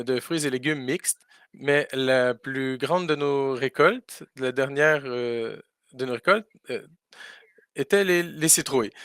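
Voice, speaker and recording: A man interprets a school farm tour live and speaks in a hesitant way, with frequent fillers and restarts. His voice is smooth and clean, and it is recorded dry with no room sound. His pitch sits at an ordinary middle range. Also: fairly bright tone, dry recording.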